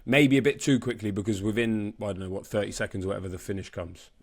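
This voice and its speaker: A fast-talking man with a fairly low voice, born in Brisbane, Australia, works as a boxing reporter and co-hosts a podcast. He discusses sport in a relaxed, slang-heavy way, swearing freely.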